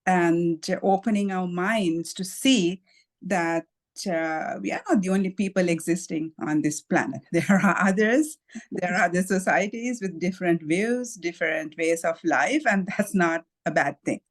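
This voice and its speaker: A woman from Sri Lanka speaking as a guest on a podcast. She tells her story in a thoughtful, measured way, pausing to pick her words. Light laughs come now and then as she talks. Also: on the low side. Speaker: guest author. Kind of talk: podcast interview.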